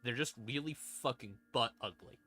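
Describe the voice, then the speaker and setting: With a bright, forceful mid-range voice at normal speed, a man hosts a livestream and walks through game lore casually. He is informal, emphatic and sweary. Creepy ambient music hums in the background.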